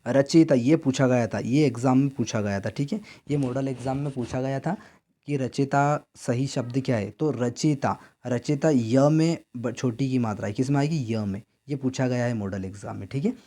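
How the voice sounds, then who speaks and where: A male teacher with a Madhya Pradesh Hindi accent runs an exam-prep lesson. His voice is mellow and warm, sitting in a middling pitch. He keeps asking his own questions and answering them, with a steady "theek hai" after each point. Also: normal speed. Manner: repeats answers as questions to students; frequent "theek hai" check-ins.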